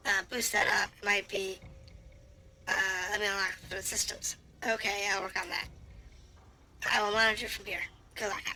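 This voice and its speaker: Very bright-voiced woman reading game lines. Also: mid-range voice, slight background noise. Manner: hesitant, many fillers, playful animal noises. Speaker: gameplay streamer reading dialogue aloud. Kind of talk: reading game dialogue aloud with fillers.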